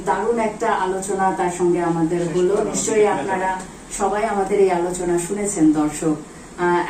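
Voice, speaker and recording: A Bangladeshi-accented woman hosts an interview. Her voice is fairly low and mellow, recorded in an echoey space a little away from the mic. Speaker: interviewer, host. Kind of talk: broadcast interview and sign-off. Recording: echoey, distant mic, faint noise.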